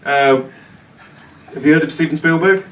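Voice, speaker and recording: A British man doing live stand-up patter in an awkward, rambling, halting way, like a comic whose jokes are bombing. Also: a little high, a bit bright, slight background noise. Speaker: stand-up comedian with songs. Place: small live comedy venue on stage. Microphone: stage microphone. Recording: echoey live venue, distant, music behind.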